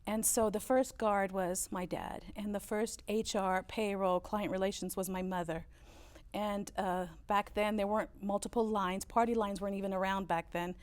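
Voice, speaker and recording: In a relaxed interview, a German-born businesswoman in her fifties warmly reminisces about her family, filling her stories with frequent "uh"s. She talks at a moderate pace, her medium-pitched voice steady in tone.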